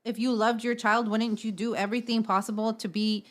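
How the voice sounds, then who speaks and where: A woman's voice: on the high side, little pitch movement, a little fast. A woman co-hosting a podcast in casual chat, explaining earnestly at length and often checking in with "right?". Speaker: podcast co-host.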